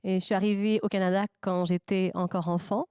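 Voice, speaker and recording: A young woman from France, an alto singer, introducing herself in a relaxed way. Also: mid-range voice, brisk, smooth, no room sound, clean studio sound.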